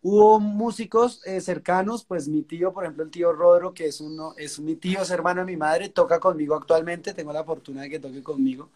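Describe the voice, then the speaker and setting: A young Colombian man with a Colombian Spanish accent, a singer-songwriter chatting in an interview and telling relaxed stories. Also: a little high, fairly quick, few pauses. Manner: relaxed, storytelling, uses fillers like pues. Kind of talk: casual interview chat.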